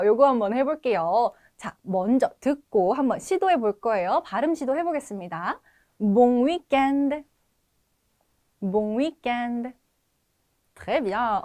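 A woman teaching an online French lesson, modelling each phrase slowly and clearly for learners to repeat. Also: fairly high pitch, a little mellow.

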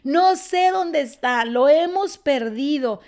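A woman's voice: lively intonation, slow pace, a little mellow, heavily acted. A woman doing a distraught grieving woman. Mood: pleading. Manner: pleading, high and urgent.

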